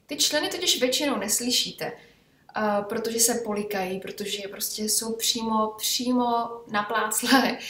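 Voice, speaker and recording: A fairly high-voiced woman explains grammar like a patient tutor, pausing to check that her students follow. Her voice sits back from the mic in a roomy, echoing space. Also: a bit bright. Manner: chatty, checks in with "ok?" and "jo?". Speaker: English teacher. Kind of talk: explanatory language lesson. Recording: echoey room, voice from far off.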